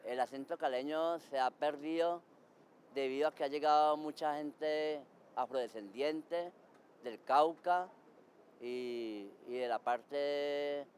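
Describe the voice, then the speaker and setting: A man's voice: on the high side, takes it slowly, slight background noise. Man in a street interview. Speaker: health oversight worker.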